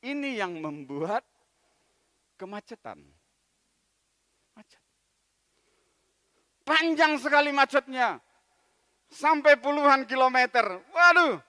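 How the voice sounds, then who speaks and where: High-voiced, lively male preacher. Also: a little slow, long pauses, dry recording. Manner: dramatic storytelling with big swings in loudness. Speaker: pastor. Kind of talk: sermon storytelling. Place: church.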